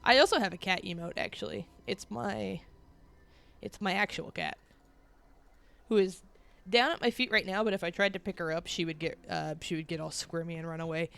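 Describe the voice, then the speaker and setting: Nasal from a cold, this young streamer rambles casually to her viewers while playing, laughing often. Her lowish voice has vocal fry and a slightly bright quality, moving at a moderate pace.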